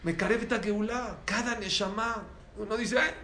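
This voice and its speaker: Animated Mexican man giving a religious talk. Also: sits high, normal speed, slight background noise. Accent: Mexican Spanish. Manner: animated storyteller who acts out dialogue. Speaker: religious lecturer. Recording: echoey room with faint ambience.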